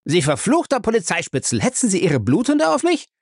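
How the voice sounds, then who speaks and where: A man voicing a hot-headed young man who shouts in a high, furious voice, reading an audiobook. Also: animated, dry recording, studio quality. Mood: raging. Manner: shouting, furious, rapid outbursts.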